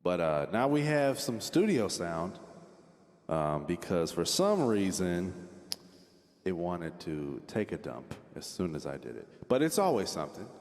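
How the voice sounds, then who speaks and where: A man's voice: low voice, sing-song, unhurried, a little mellow. A man hosting a casual livestream, talking in a loose, rambling way, with a big hall echo on his voice. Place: home studio. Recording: long reverb, echoey hall sound.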